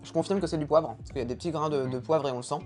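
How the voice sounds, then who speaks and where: Male co-host for casual food tasting, rapid delivery, blunt informal opinions, faint music bed. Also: fairly high pitch, darkish tone. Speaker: food taster and co-host of a nutrition review. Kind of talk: casual chatty product tasting commentary.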